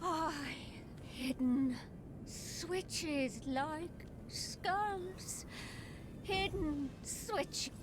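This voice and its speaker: An actress voicing an eerie, creepy ghost in a game, who gives ominous warnings in slow incantation. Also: female voice, high-pitched, background noise. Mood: eerie threat. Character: eerie ghostly spirit warning intruders away from a temple.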